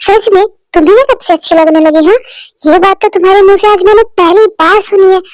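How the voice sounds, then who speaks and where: A woman's voice: extremely high pitch, fairly even intonation, fast, a little mellow, no room sound, poor audio. A woman voicing a stubborn, sulky young woman. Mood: annoyed. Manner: sulky, complaining. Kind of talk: amateur fan dub.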